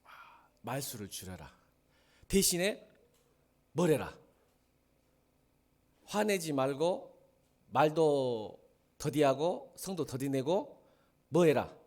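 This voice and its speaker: A middle-aged man preaching a sermon as pastor, asking the congregation questions and swinging from soft asides to loud emphatic lines. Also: on the high side, slow, pauses often. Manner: animated, questions the congregation and answers himself.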